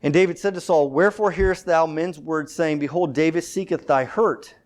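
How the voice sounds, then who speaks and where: A man's voice: on the high side, normal speed. A man teaching an informal Bible study, reading scripture aloud and explaining it in a conversational way, with fillers and self-corrections.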